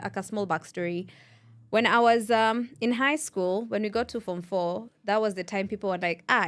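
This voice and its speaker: A woman from Nairobi with a Kenyan accent, hosting a radio show and chatting casually, telling stories and acting out the people she quotes. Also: medium pitch. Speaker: radio host.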